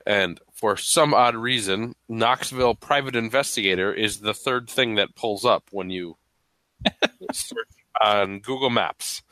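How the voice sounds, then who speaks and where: A man's voice: lowish voice, a little slow, sharp tone, no echo, low-quality recording. A man with a stuffy voice hosting a podcast in a playful, casual, chatty way. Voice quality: stuffy, congested-sounding. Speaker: podcast host. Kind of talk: casual chat.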